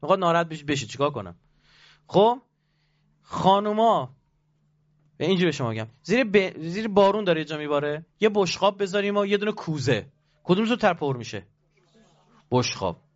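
Animated man preaching, lo-fi sound. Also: high-pitched, long pauses. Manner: animated, rhetorical, questions the audience. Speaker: cleric or religious speaker. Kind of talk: sermon. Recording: dull lo-fi recording.

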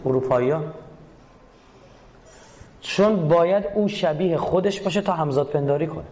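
A man's voice: on the high side, darkish tone, lo-fi sound. A man lecturing as a media critic, who keeps asking his audience questions and answering them himself. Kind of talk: lecture analysing a film clip.

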